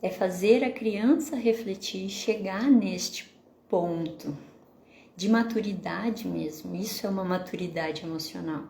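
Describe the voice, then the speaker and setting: A woman therapist with a Brazilian Portuguese accent, hosting a live stream. She explains calmly and keeps checking in with the viewers with questions. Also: medium pitch, unhurried, vocal fry, roomy sound, slight background noise. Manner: explanatory, asks the audience questions, frequent "né?".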